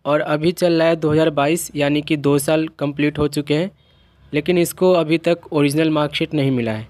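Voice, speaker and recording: Speaking at a normal speed, a man with a slightly high, steady, darkish voice makes a vlog for open-school students. He goes over his points repeatedly, rephrasing as he explains, and the recording has no echo.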